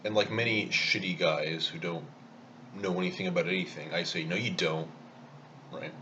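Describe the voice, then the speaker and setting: Casual vlogger, male, deep voice, rambling self-deprecating storyteller, somewhat muffled audio. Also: a little fast, bright, forceful tone, a little hiss or hum. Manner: rambling, self-mocking anecdote with chuckles. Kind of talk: casual storytelling while eating.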